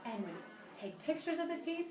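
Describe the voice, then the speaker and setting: A woman's voice: extremely high pitch, big pitch swings, normal speed. A woman playing the tooth fairy and telling a dramatic story to a school class, with squeals and cheers. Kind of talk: animated storytelling to children. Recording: roomy, distant with room noise.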